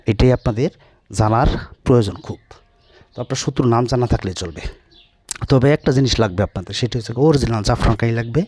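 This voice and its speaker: Brisk low-voiced male folk healer. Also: darkish tone, breathy edge. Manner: brisk, blunt, scolding instructions; chants spells slowly. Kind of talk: instructional video talk.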